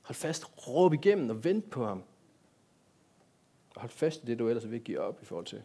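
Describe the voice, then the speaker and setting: A man's voice: mid-range voice, big pitch swings, mellow, slightly rough. A man giving a sermon in a church, talking directly to the congregation and asking them many rhetorical questions. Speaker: pastor.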